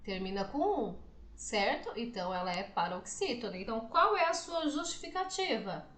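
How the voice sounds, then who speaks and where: A woman teacher with a Brazilian Portuguese accent, explaining a lesson slowly and often asking questions to check understanding. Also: a little high, very animated, a bit bright, echoey room. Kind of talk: slow, deliberate classroom explanation to students.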